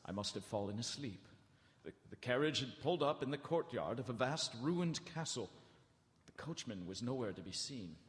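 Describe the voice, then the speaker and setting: On a large hall stage during a live radio horror broadcast, a male actor plays an earnest, frightened Englishman held prisoner, narrating his journal. His medium-pitched voice is expressive yet close to everyday speech, with a halting, theatrical delivery, anxious repetition and an uneasy mood. The live theatre hall gives a long reverb.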